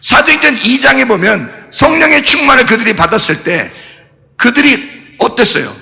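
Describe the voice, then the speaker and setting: Animated, bright-voiced preaching man. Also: normal speed, gravelly, long reverb tail. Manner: animated, shifts between shouting and low asides, laughs at own jokes; explains Greek words, asks the congregation questions. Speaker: pastor. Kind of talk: sermon. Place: church.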